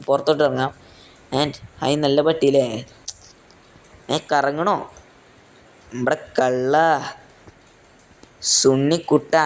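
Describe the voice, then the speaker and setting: A young man giving casual, joking gameplay commentary, mixing in English fillers. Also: fairly high pitch. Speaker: gaming YouTuber.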